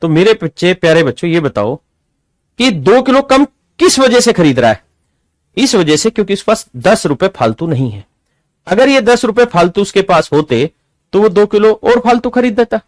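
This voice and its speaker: A man teaching an arithmetic class, lively and coaxing, often asking his students whether they follow. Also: high voice, moderate pace, dry recording, clean studio sound. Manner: lively, calls students "my dear children", rhetorical questions. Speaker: maths teacher. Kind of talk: classroom maths lesson.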